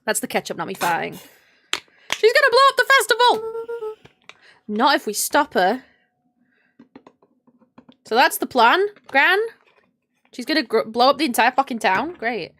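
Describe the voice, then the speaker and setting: A woman's voice: fairly high pitch, moderate pace, long pauses, a little hiss or hum. A woman streaming a game, reading character lines and making joking, swearing asides. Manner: animated, swears, jokey asides. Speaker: streamer playing and reading dialogue.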